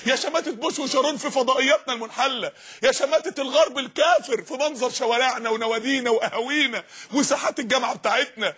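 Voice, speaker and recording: A man with an Egyptian Arabic accent preaching an impassioned sermon, often shouting. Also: very high-pitched, very fast, breathy edge.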